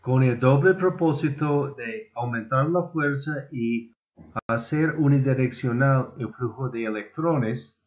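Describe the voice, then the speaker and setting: Presenting a proposal of his own, an amateur inventor reads a formal lecture script in Spanish, his second language, slowly and a bit haltingly. His voice is mid-range, and the sound is narrow-band, muffled, and phone-like.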